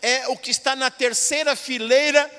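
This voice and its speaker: A man voicing a blind older man who loudly and commandingly prophesies to a passenger on a bus. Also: very high-pitched, fairly even intonation, moderate pace, clean tone, long reverb tail. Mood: prophetic. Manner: loud, commanding prophetic proclamation.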